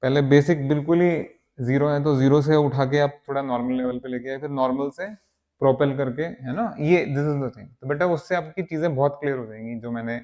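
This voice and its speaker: A man's voice: medium pitch, brisk, darkish tone. A man teaching maths for an entrance exam, coaxing his students and repeating words for emphasis, with English phrases mixed in. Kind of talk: exam-prep maths lecture.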